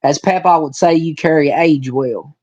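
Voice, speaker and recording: Folksy and colloquial, with rural turns of phrase, a retired wrestler in his forties tells stories in a casual podcast chat about the past. He speaks at a moderate pace in a slightly mellow voice on the high side, with no room sound and dull audio.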